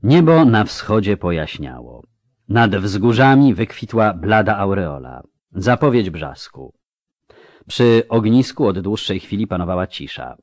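A man narrating a fantasy audiobook in a measured, dramatic way, slowing down for effect on key phrases. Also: on the low side, big pitch swings, darkish tone, no room sound, clean studio sound.

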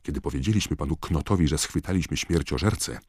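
A cold male potions master speaking in a restrained, husky and very low voice, as a male audiobook reader puts him on. The recording is dry and close. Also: quick pace, darkish tone, dry recording.

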